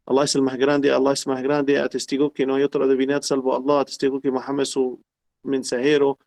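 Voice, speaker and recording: A man's voice: medium pitch, monotone, a little mellow. Man teaching a class. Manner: explains slowly and repeats phrases, quotes Arabic formulas. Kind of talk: online class lecture.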